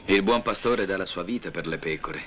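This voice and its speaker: A serene teacher preaching to his followers in a 1970s film drama. His voice is very deep and his delivery is solemn and measured. The old soundtrack sounds dull and carries clear hiss. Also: fairly bright tone.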